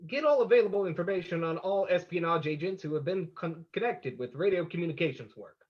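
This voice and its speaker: In this vintage radio drama, a man voices the detective hero, calm and decisive, delivering his lines in a brisk, commanding, authoritative way. His voice sits high, and the recording sounds dull.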